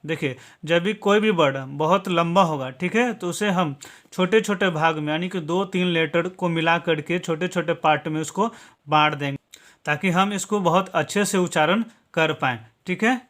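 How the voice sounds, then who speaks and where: A man's voice: fairly high pitch, moderate pace, fairly bright tone. Man teaching step by step, 'okay?'. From Bihar, India. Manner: patient step-by-step explaining, tags many lines with 'okay?'. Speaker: English teacher. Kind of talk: classroom-style lesson.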